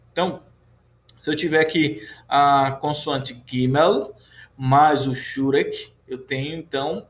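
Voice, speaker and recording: A man's voice: a little high, echoey room. A man with a Brazilian Portuguese accent teaching a recorded lesson in a chatty, encouraging way, asking questions and then answering them himself.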